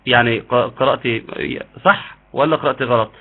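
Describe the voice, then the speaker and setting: A man with an Egyptian accent teaching an online tajweed lesson, explaining patiently and modeling slow recitation. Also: medium pitch, slightly rough. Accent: Egyptian Arabic. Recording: tinny phone-like line.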